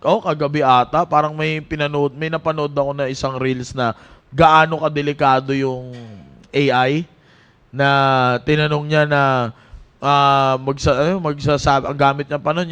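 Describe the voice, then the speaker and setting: Brief: man, youth preacher, high voice, animated and joking, church sermon. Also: normal speed, clean tone. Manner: animated, joking storyteller who breaks into laughter. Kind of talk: casual Taglish sermon to young people.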